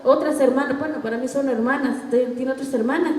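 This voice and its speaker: A woman who speaks Totonac as a first language, talking reflectively and a little haltingly. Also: sits high, fairly even intonation, darkish tone, a little hiss or hum. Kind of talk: reflective interview talk. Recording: roomy recording with long reverb.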